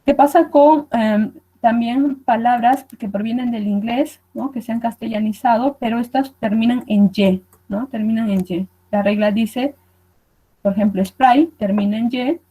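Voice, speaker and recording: A woman's voice: a little high, normal speed, dark tone, slightly rough, poor audio. A woman teacher gives a recorded online lesson, explaining patiently and checking in with her students as she goes. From Peru.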